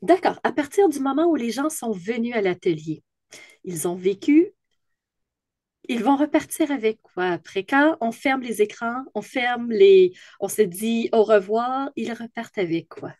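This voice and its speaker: A woman's voice: a little high, expressive, measured pace, darkish tone, no echo, studio quality. A woman from North America with a Québécois accent, hosting a video-call interview in an enthusiastic, emphatic manner. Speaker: host.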